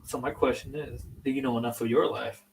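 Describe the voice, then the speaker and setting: A man co-hosting a podcast, who jokes, swears and breaks into loud bursts during the banter. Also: medium pitch, fairly even intonation, brisk, far from the mic, slight background noise, poor audio. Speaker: podcast co-host. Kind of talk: casual banter.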